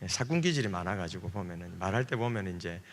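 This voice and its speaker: A man's voice: deep voice, expressive, fast talker. A male pastor from Busan with a Gyeongsang accent, preaching at a revival service in a chatty, joking way with many fillers. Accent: Gyeongsang Korean. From Busan, South Korea. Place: church sanctuary. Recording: long hall reverb from church PA.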